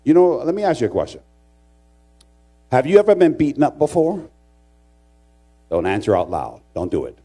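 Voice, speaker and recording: A man's voice: medium pitch, very animated, moderate pace, pauses often, mellow, slightly rough. A middle-aged man preaching a sermon in church, dramatic and joking with his congregation. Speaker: pastor. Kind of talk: sermon with humorous storytelling. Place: church sanctuary.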